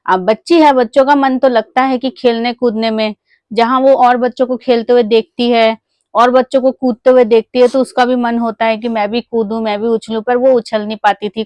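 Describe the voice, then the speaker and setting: A woman vlogger telling a moral story to her viewers in a chatty, casual way, full of small fillers, and she briefly acts out a child's excited calls to her mother. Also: a little high, dry recording. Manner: chatty, addresses viewers as friends, many fillers.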